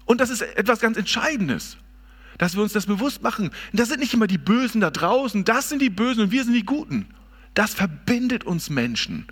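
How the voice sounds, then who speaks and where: A man preaching a sermon in an emphatic, expressive way, speaking directly to his listeners in a church. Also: high-pitched, slightly rough. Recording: long reverb of a large hall.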